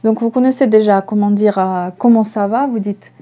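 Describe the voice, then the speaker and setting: A woman's voice: mid-range voice, normal speed, mellow. A woman with a Russian accent teaching a language lesson, patiently spelling words out letter by letter. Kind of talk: slow online language lesson.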